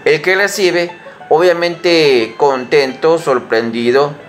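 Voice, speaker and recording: A middle-aged man teaching young children in an online lesson, coaxing them to repeat phrases slowly. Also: fairly high pitch, soft background music. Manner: patient, slow, spelled-out English phrases mixed into Spanish.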